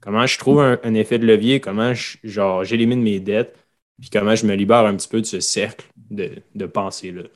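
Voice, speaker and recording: Relaxed podcast co-host. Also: male voice, fairly low pitch, a little fast. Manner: relaxed, mixes in English words. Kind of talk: casual podcast chat.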